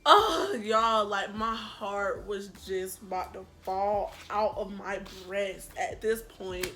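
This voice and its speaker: A woman's voice: mid-range voice, slow. A young woman vlogger telling a personal story in a casual, slangy, dramatic way. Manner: animated, slangy, dramatic retelling.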